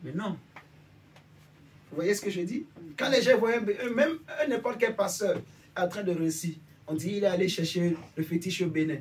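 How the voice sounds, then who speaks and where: This high-pitched man from Benin preaches informally at a moderate pace, conversing with his congregation and repeatedly checking that they follow and agree. A distant microphone picks up faint background noise.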